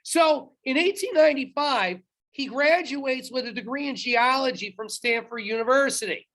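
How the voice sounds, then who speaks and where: A man's voice: very high voice, normal speed, pushed and bright. A man teaching history in a recorded lecture, talking straight to his students and stopping to quiz them on trivia. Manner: chatty, talks straight to students, quizzes them.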